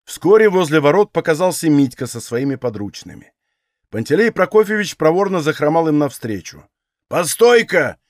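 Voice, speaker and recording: A man reading a classic novel aloud in a measured storytelling manner. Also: on the high side, big pitch swings, no room sound, studio quality. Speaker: audiobook reader. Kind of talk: literary audiobook narration.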